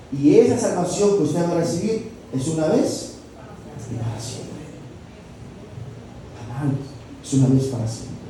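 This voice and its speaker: A male pastor delivers a sermon, firing questions at his congregation and pushing his voice up for emphasis. His tone is dark and mellow, set a little high for a man. He is heard from a distance in a very echoey room, with a faint hum of background noise. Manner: preaching with rhetorical questions and sudden loud peaks.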